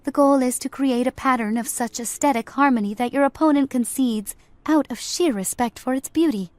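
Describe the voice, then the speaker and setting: A woman's voice: high voice, normal speed, a little mellow, no room sound, voice pushed up, natural voice. A woman voicing an earnest, formal alien woman ethnographer who explains things literally.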